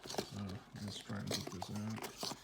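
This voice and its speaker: A man's voice: on the low side, little pitch movement, takes it slowly, vocal fry, very noisy. A man casually talking through an unboxing at home, rambling with fillers and restarts as he films on a phone held in one hand. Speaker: tech channel host.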